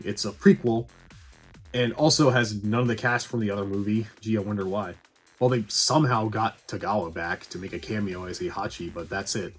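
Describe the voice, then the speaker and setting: A man reviewing video game movies delivers casual, scripted commentary full of dry, sarcastic humour and some swearing. His voice is fairly low with a breathy edge, and faint music plays behind him.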